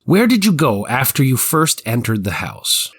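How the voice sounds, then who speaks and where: A husky man with a medium-pitched voice and wide pitch swings speaks at a normal speed. He plays an 1890s prosecuting attorney in a dramatized reading of a courtroom transcript, questioning a witness in a precise, formal, methodical way. The mood is probing and formal.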